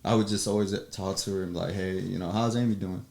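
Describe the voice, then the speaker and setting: Man, podcast guest, low voice, casual storytelling, lively quoted asides, frequent laughter. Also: fast, gravelly. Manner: animated storyteller, acts out quotes, laughs often.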